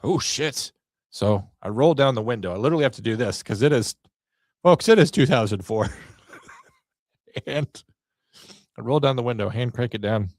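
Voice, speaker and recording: A man's voice: mid-range voice, lively intonation, moderate pace, long pauses, a little mellow, dry recording, studio quality. A man in his forties hosting a podcast, telling self-mocking stories in a casual, wry monologue. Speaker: podcast host.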